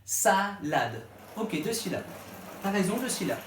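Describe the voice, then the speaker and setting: A man's voice: a little high, animated, a little slow, noisy background. A male primary school teacher explaining a reading lesson to parents step by step, patiently acting out the questions to ask the child. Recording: echoey room.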